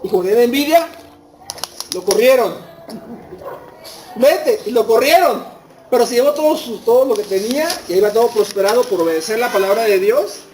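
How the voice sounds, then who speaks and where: A man's voice: very high-pitched, expressive, quick pace, darkish tone, a little hiss or hum, poor audio. A man with a Mexican Spanish accent preaching a sermon to a congregation. He retells scripture as a story and puts rhetorical questions to his listeners.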